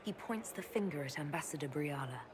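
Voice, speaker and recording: Composed, lowish-voiced heroine. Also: female voice, animated, a little fast, crowd noise. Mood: composed, polite. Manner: polite, self-possessed. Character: composed, diplomatic heroine, lady inquisitor.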